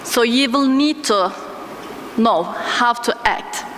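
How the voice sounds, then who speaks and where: A woman giving a conference lecture as a physician, her voice thick and strained from a sore throat, speaking hesitantly with deliberate pauses. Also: on the high side, a bit bright. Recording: echoey hall with noticeable background noise.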